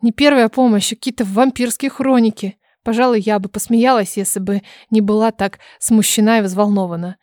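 Expressive woman reading an audiobook. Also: a little high, a little fast, few pauses, no room sound, studio quality. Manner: expressive, dramatic storytelling. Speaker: audiobook narrator. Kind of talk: first-person scripted narration.

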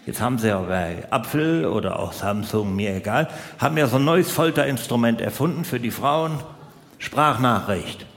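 A middle-aged comic with a mid-range, creaky voice, lively intonation and moderate pace works a live audience at a large venue. His stand-up is colloquial and mock-exasperated, packed with rhetorical questions, and the hall sounds roomy with a noisy background.

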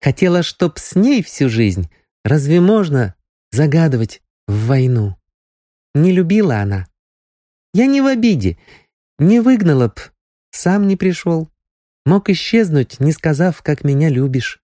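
A man doing a young village girl in love, high and lively, bouncing up and down in pitch with a soft, mellow tone. She's playful and quick to take offence, heard close and dry as in an audiobook. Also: no room sound. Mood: earnest, teasing. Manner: pleading, playful, raised girlish voice. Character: young lovestruck village woman, teasing and quick-tempered.

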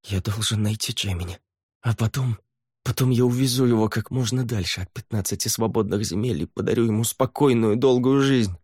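Мужчина-чтец играет испуганного, измученного виной беглеца, который говорит напряжённо и сбивчиво. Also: male voice, fairly low pitch, fairly quick, a little mellow, breathy edge, no echo, clean studio sound, voice pushed up. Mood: determined. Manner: hesitant, strained. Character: frightened, guilt-ridden runaway man, a father.

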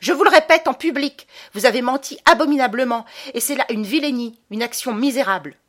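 A woman voicing a defiant young boy who hurls sharp, cutting accusations in an audiobook. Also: high-pitched, fairly quick, pitched above the performer's own voice. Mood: shouting. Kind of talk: audiobook character reading.

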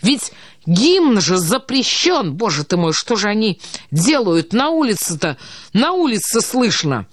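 A woman reads as a timid middle-aged man, startled awake and wailing in fear, his voice pitched up and dragging. He mutters anxiously in a dry, close-miked storybook reading. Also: very animated, a little slow, few pauses, fairly bright tone, dry recording. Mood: fearful muttering. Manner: panicky, whining, muttering.

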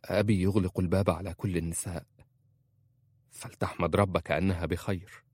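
A man voicing a proud, sharp-tongued young Bedouin woman who answers with bitter, cutting retorts in a storybook reading. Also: low voice, level tone, fairly quick, breathy edge, no room sound, studio quality. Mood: soft.

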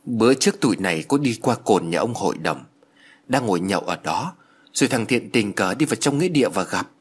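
A man voicing a quick young man who talks in a hushed, confiding way in an audio story. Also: on the low side, animated, slightly rough.

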